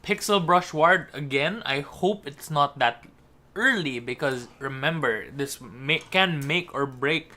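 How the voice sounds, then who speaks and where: A man's voice: fairly high pitch, expressive, slow, bright, forceful tone. A man giving color commentary on an esports match, chatty and teasing his co-caster.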